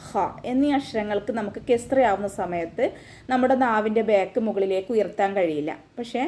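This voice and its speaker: A woman's voice: mid-range voice, darkish tone. A woman teaching an online recitation class, explaining pronunciation rules step by step in a patient voice.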